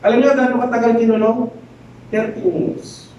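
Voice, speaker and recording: A man preaching a sermon as a pastor, telling a story in an animated, joking way and acting out the people in it. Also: very high-pitched, normal speed, slight background noise. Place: church hall. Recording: very echoey hall, distant mic.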